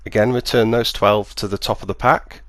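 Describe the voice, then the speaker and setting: A man speaking as a magician, demonstrating and explaining a card trick step by step in clear, measured phrases. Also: on the low side, fairly even intonation, fairly bright tone, dry recording, studio quality. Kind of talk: instructional demonstration, patter and explanation.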